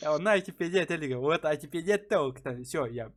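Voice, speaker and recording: Slangy man streaming, slightly high voice. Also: animated, fast talker. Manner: slangy, profane, laughing often. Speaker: game streamer. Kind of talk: casual chat over gameplay.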